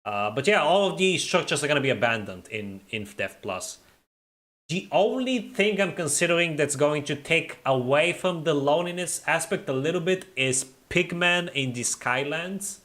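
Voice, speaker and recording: A man whose voice is a touch high streams a game at a moderate pace, casually talking with his audience. Relaxed throughout, he answers chat while playing, his R's articulated in the throat.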